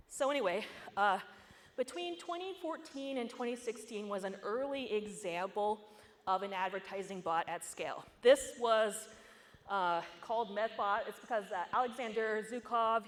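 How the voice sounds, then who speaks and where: A woman giving a security conference talk in a casual, conversational way, with asides and jokes. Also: medium pitch. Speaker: conference speaker. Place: conference hall. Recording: echoey conference hall.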